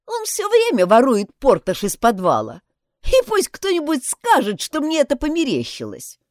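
A woman's voice: high voice, huge pitch swings, moderate pace, darkish tone, no echo, studio quality, pitched above the performer's own voice. A woman doing a cheeky, mocking housemaid.

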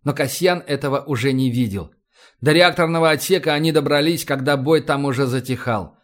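A man narrating an audiobook in a steady, measured reading. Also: medium pitch. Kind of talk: scripted narration.

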